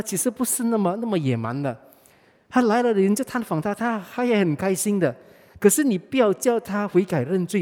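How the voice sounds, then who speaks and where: A man's voice: sits high, a little mellow. A man with a Malaysian Mandarin accent preaching a sermon, telling a story in a conversational way and often repeating and restarting his words. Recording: reverberant hall.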